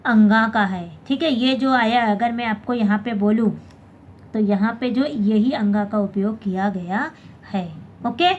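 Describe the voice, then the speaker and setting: A woman's voice: fairly high pitch, a little slow, a little mellow, lo-fi sound, a little hiss or hum. A woman teaching a basic grammar lesson, often asking "theek hai" and correcting her own slips. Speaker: Hindi teacher.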